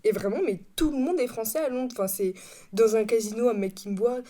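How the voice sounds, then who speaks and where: A young French woman hosts her own podcast from a room at home, her voice on the high side, brisk and warm. She chats casually in a rambling way, laughing often and correcting herself as she goes.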